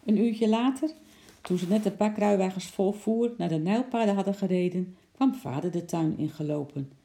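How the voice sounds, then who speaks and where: A reader calmly narrating a children's storybook in a gentle storytelling manner. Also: medium pitch, normal speed, gravelly.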